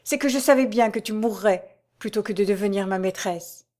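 A woman's voice: medium pitch, normal speed, a little mellow, natural voice. A woman voicing a passionate, desperate young nobleman in an audiobook, pleading and exclaiming in a raised, urgent voice. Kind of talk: audiobook character voice.

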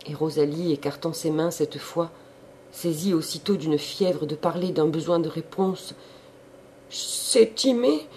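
Brief: measured, expressive audiobook narrator for a classic novel, faint hiss behind. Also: medium pitch.

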